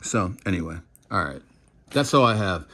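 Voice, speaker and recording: A man giving casual, animated commentary while breaking down football game film, now and then acting out what the players shout. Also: low voice, normal speed. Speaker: football analyst.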